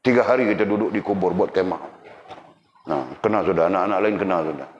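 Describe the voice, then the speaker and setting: Speaking fast in a low voice, a man gives a religious lecture as a teacher of the faith, poking fun at listeners and addressing them head-on. The audio is lo-fi and dull, with a roomy feel and a faint noise underneath.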